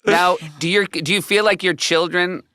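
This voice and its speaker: A man's voice: high-pitched, fairly even intonation, normal speed, bright, forceful tone, no echo, studio quality. A man hosting a casual, conversational interview in a wry, joking manner. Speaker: interview host.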